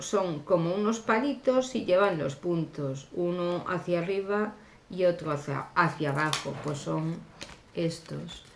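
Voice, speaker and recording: A woman teacher explaining grammar slowly and deliberately, pausing often with fillers. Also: fairly low pitch, echoey room, a little hiss or hum. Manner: deliberate, hesitant with frequent fillers. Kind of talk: slow classroom grammar explanation.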